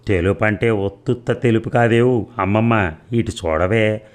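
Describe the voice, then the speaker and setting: A man's voice: fairly low pitch, moderate pace, close to an everyday voice. A man voicing an impatient young grandson who bickers and teases sarcastically. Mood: eager.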